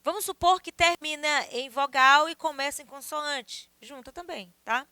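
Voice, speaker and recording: Lady teacher explaining poetry meter, bright voice, dry close mic, keeps asking if u get it. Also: high-pitched, normal speed, no echo. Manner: explanatory, checks understanding with tags like "tá?" and "né?". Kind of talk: video lesson explaining poetic meter.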